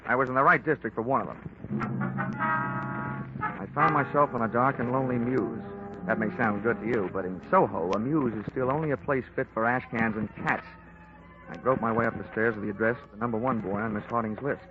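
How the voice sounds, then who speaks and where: A 1940s radio drama features a man with a medium-pitched, brisk, nearly everyday voice as a hard-boiled insurance investigator. He narrates his own case tersely, with dry wisecracks, and the old broadcast is muffled, with music.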